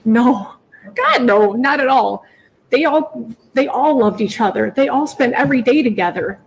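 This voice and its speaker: Pleading in court for her daughter, a middle-aged mother speaks at normal speed in a fairly high, animated voice that's slightly rough. The plea is emotional, unscripted, emphatic, and repetitive, and the audio quality is poor.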